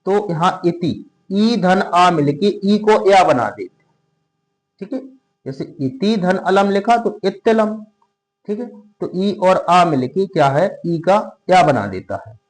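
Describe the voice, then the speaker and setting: A man's voice: high voice, expressive, slow pace, low-quality recording. A man teaching a class, patient and repetitive, often asking the students questions. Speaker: tutor. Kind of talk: classroom lesson explaining grammar rules.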